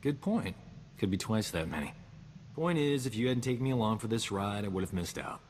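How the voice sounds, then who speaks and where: A cocky, self-important space doctor, played by a man who brags and wisecracks through every line. The voice sits a little low. A long reverb and faint hiss hang behind him, as in game dialogue. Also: animated, brisk, natural voice. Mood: wry. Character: boastful roguish male doctor, vain and flippant. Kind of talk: video game character dialogue.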